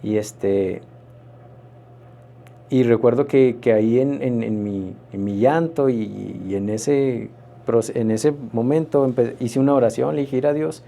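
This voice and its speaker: A pastor, telling his personal testimony in an interview in an earnest, reflective, halting way. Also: medium pitch, creaky, dark tone.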